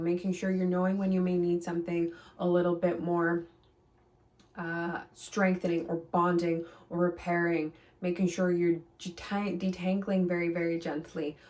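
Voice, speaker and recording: A woman's voice: fairly low pitch, darkish tone, recorded from a distance. Emphatic woman giving hair advice. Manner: emphatic, repetitive, reassuring coaching tone. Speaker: hair care vlogger. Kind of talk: direct-to-camera advice vlog.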